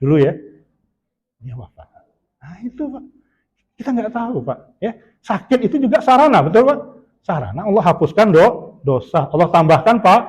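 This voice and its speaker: A middle-aged man preaches to a mosque congregation at dawn. His voice sits high for a man, and his talk is chatty, full of quick questions tossed to the listeners. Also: very animated, darkish tone, slightly rough, poor audio. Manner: chatty, keeps asking the audience "Pak".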